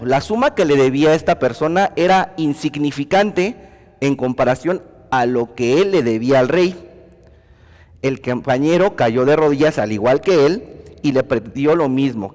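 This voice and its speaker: A man's voice: mid-range voice, a little mellow, long reverb tail. A man preaching a sermon as pastor, telling a story and acting out the dialogue in quoted voices.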